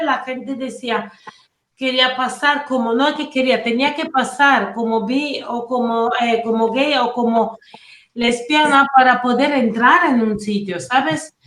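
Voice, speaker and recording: A woman from Naples, a native Italian speaker with an Italian accent, appears as an activist guest in a casual interview and tells personal stories. She is animated, restarts often, and has a high voice, recorded in a roomy, echoey space.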